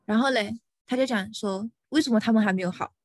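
Brief: young woman podcaster, lawyer, pitched a bit high, close dry sound, exasperated storyteller. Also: moderate pace, no room sound. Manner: venting, animated, mixes in English words. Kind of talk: casual chat.

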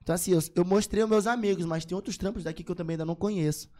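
A young man from São Luís in Brazil with a Maranhão accent, talking excitedly and full of slang in a casual podcast chat. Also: sits high, racing. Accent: Maranhão Portuguese. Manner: excited, slangy, laughs easily. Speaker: singer guest.

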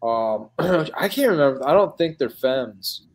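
A man's voice: medium pitch, expressive, a little slow. Rambling Midwestern guy, casual chat. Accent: Midwestern American. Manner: rambling, filler-heavy, calls people dude and man.

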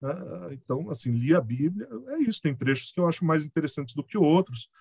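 A Brazilian man chats as a guest, his voice pitched a little high and swinging widely as he tells stories. He has a husky edge and keeps dropping little tag questions. The sound is dry and close. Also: fairly quick, no echo. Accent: Brazilian Portuguese. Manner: animated storyteller, chuckles often, many filler tags. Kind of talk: casual conversation.

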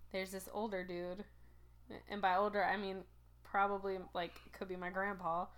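A woman in her twenties, chatting casually and telling stories with frequent laughs. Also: mid-range voice. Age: 20s. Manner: chatty storyteller, laughs often. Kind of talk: casual chat.

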